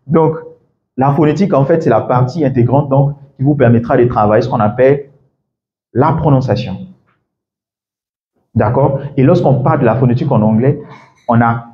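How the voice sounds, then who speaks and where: A man's voice: mid-range voice, normal speed, long pauses, highs cut off. Man teaching a class in an echoey room. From Ivory Coast. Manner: lively, asks the class questions, laughs often. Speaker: English teacher. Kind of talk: classroom masterclass. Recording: echoey room with faint background noise.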